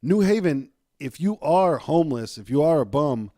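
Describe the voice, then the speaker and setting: A man's voice: fairly high pitch, animated, dark tone, no echo, studio quality. A man cohosting a podcast in casual chat, talking bluntly and emphatically. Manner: emphatic, blunt, quick to agree.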